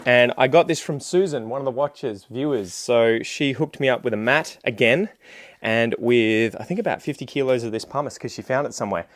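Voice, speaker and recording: A man's voice: medium pitch, fairly quick. An Australian man chatting casually while demonstrating a task, in a rambling, self-deprecating, slangy way. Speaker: gardening video creator.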